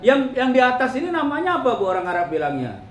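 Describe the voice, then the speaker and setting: A middle-aged man preaching a humorous religious talk to a congregation in a mosque, lively and joking as he addresses his listeners directly. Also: very high-pitched, fast talker, slight background noise. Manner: lively, joking, addresses the audience as ladies and gentlemen. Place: mosque hall. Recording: echoey hall with faint ambience.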